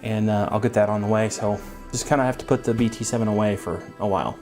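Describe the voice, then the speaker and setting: Guy with a lowish voice chatting about his model kits at his bench, lots of ums, soft music behind. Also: fast talker. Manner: relaxed, rambling, frequent ums and uhs. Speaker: scale model hobbyist channel host. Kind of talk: casual channel update. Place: hobby room at his workbench.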